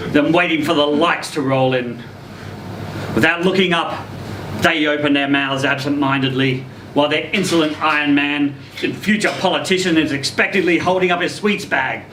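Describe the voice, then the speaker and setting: A man with a slightly high voice gives a theatrical, expressive reading of a short story at a live literary event, acting out the quotations. The event takes place in an indoor social venue. The roomy, distant recording picks up a noisy hum.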